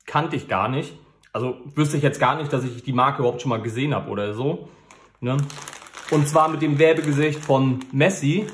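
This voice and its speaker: A man's voice: medium pitch, normal speed, a little hiss or hum. A man hosting a casual, unscripted food review in an informal, matter-of-fact way. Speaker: host of a food review channel. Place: indoor room. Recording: echoey, reverberant room.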